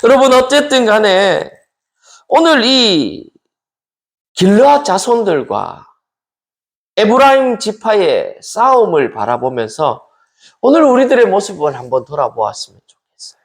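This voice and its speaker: A male pastor from South Korea giving a Bible study sermon and speaking directly to his congregation in a lively preaching manner. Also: high voice, a little slow, long pauses.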